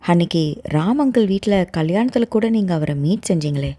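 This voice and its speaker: A woman narrator gives voice to a nervous young woman in love in an audio novel. Her hesitant, pleading lines rise and fall a lot, and her tone stays mellow. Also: on the low side, lively intonation, moderate pace.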